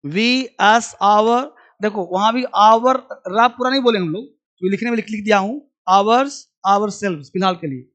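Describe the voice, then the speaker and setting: Casual: indian guy teaching english sounds to a class, slow and repetitive, bossing them to write it down quick. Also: high voice, a bit bright. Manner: repeats sounds and words for students to copy, gives brisk instructions. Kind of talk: classroom pronunciation drill.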